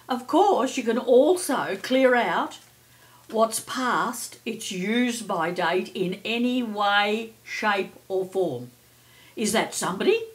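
A middle-aged or older woman hosting a chatty daily horoscope as a psychic, playful, theatrical and effusive, often calling listeners darling. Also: on the high side. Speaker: psychic and astrology host.

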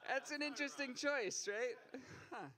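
Emceeing a poetry open mic from a small stage, a young man with a very high voice takes his time as he ribs the audience through a handheld mic. His banter is playful and stand-up flavored, swelling into loud summons to the stage.

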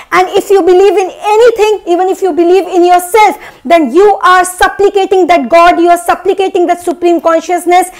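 Very high-pitched young woman, earnest motivational coach. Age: young adult. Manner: earnest, emphatic, preachy, repeats phrases for emphasis. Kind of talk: motivational spiritual talk. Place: small indoor room, seated at a desk.

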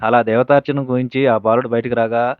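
Guy reading spiritual stories out loud, steady, fixes words now and then, thin phone-ish sound, dry. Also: mid-range voice, fairly quick, clear, resonant tone, no echo. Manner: steady reading with occasional self-corrections. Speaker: reader of spiritual teachings. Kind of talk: reading a devotional book aloud. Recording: narrow phone-like dry audio.

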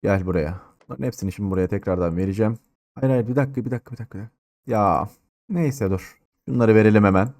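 A man giving casual gameplay commentary, excitable, swearing at his soldiers and barking orders. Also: on the low side, quick pace, dry recording. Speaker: gaming YouTuber.

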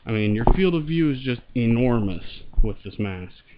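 A man's voice: medium pitch, lively intonation, normal speed, muffled recording, background noise. A man giving a casual product review while talking through a gas mask.

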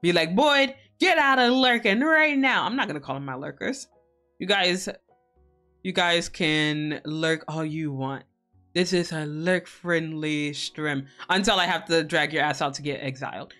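A woman livestreamer with a slightly low voice chats casually with her viewers over soft background music. She takes her time, giggly and playful, mock-scolding and swearing lightly as she goes. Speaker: VTuber livestream host.

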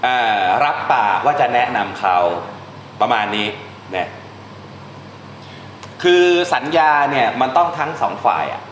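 A man's voice: medium pitch, very animated, fairly bright tone. Male teacher, casual and chatty, explains step by step, recorded in an echoey classroom with faint background noise. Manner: chatty, explains step by step, reads English lines slowly. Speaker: translation teacher. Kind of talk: informal classroom lesson.

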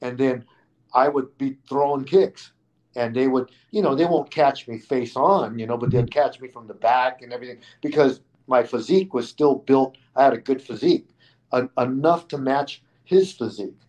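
A man's voice: mid-range voice, moderate pace, dull audio. Man telling a story with stop-start restarts. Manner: animated anecdote teller with frequent restarts, acting out quoted people. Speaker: guest. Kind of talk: casual storytelling interview.

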